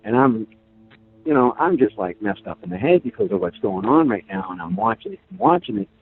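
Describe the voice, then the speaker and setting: A man's voice: mid-range voice, sing-song, a little fast, gravelly, slightly rough. An older man telling his story in a rambling, emphatic way, full of fillers, during a casual phone interview. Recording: tinny phone line, faint music.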